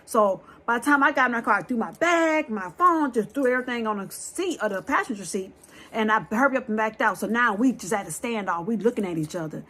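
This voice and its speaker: A woman telling a scary true story to her viewers in a lively, blunt way, talking straight to them and swearing freely. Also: a little high, fairly quick.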